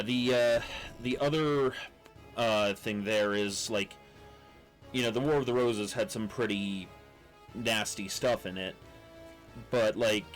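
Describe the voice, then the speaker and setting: A man streaming a game, explaining strategy and lore at length in casual commentary, swearing now and then. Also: medium pitch.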